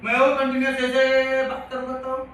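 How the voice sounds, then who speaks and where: Bright high-pitched guy teaching a health class, keeps asking the crowd questions, recorded from far off in a big echoey room. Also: completely flat delivery, normal speed. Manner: repetitive, quizzes the audience. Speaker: health lecturer. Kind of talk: classroom-style lecture. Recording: echoey hall from far off, faint hiss.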